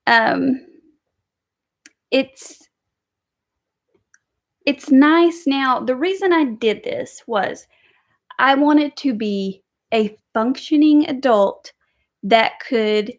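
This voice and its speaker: A woman's voice: high voice, extremely slow, long pauses. A woman and mother chatting casually on a home livestream, rambling and reading viewer comments aloud. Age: adult with kids. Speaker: livestream host. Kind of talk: casual live chat.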